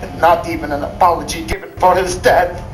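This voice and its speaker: A woman's voice: on the low side, steady tone, a little fast, natural voice. Woman playing a brooding inmate in echoey noise. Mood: brooding, bitter. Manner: brooding, anguished. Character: bitter, despairing male prison-camp inmate. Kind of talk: dramatic acting. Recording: noisy, echoing room.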